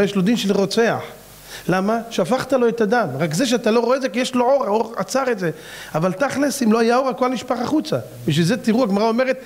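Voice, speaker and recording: High-voiced man preaching a fiery sermon. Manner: fires off rhetorical questions with big pitch swings. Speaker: rabbi.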